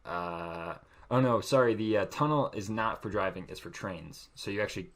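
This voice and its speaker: Lowish man, incredulous podcast banter. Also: normal speed, a bit bright. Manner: incredulous, laughing, lecturing friends. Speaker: podcast co-host. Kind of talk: casual chat.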